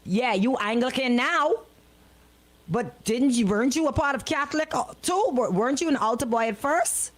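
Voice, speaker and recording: A high-voiced woman speaking at a moderate pace hosts a casual live radio talk show. She questions people incredulously and repeats her words for emphasis.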